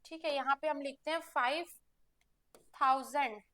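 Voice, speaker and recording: A woman's voice: sits high, moderate pace, bright, forceful tone. A woman teaching English grammar for exam prep, explaining step by step and answering her own questions.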